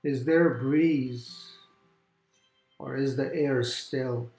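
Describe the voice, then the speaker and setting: Slow, calm man guiding a grounding meditation. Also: mid-range voice, roomy sound. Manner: calm, unhurried, gently instructing with long pauses. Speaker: meditation guide. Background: quiet background music.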